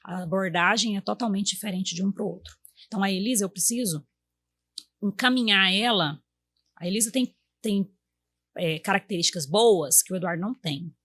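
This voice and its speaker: Husky-voiced Brazilian woman chatting. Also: mid-range voice, normal speed. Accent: Brazilian Portuguese. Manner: warm storytelling, acts out quotes to her kids. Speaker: guest. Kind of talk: casual chat.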